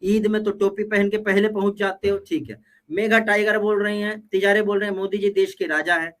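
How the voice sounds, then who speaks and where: A man with a high, bright voice reads viewer comments aloud on a live political panel. He moves quickly from one comment to the next and answers the other side with joking comebacks. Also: fairly even intonation.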